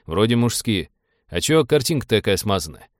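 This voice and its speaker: A man's voice: lowish voice, sing-song, normal speed, no room sound, clean studio sound. A man doing a weary sardonic starship captain.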